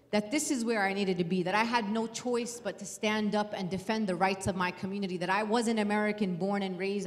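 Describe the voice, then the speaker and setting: A woman in her thirties from New City, speaking earnestly and with emphasis at a panel event on a handheld mic. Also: mid-range voice. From New York City. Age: 30s. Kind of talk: impassioned panel talk. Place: event hall, indoors. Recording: hall reverb.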